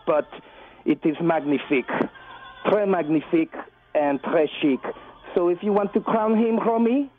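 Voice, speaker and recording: A man voicing a boastful, theatrical French-Canadian caller with a thick put-on French accent, calling in by phone. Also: sits high. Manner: pompous, showy, drawn-out. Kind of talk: comedic call-in bit. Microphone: telephone. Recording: tinny phone line.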